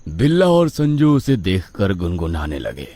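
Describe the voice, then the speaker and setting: Slow, low-voiced male horror storyteller. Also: slight background noise. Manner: suspenseful, lively storytelling. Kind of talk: dramatic horror story narration.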